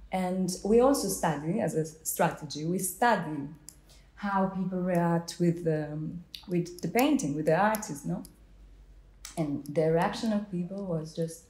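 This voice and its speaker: A young woman, the gallery founder, hosting an interview with eager, halting talk in an art gallery. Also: on the low side, darkish tone. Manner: enthusiastic, hesitant with fillers. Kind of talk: interviewer chat. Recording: echoey gallery room.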